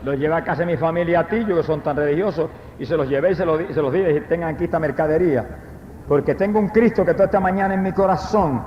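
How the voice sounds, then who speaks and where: An older man with a Puerto Rican accent preaching a fervent testimony sermon, breaking into shouted praise. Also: on the high side, quick pace, a little hiss or hum. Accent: Puerto Rican Spanish. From Puerto Rico. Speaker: evangelist preacher. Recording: echoey hall, dull lo-fi recording.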